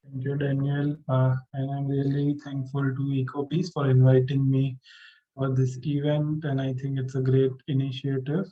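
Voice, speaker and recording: A man introduces himself politely to a panel. His pitch barely moves, so the delivery is very flat. The sound is dull, like a video call. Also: normal speed. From India. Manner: polite, formal self-introduction.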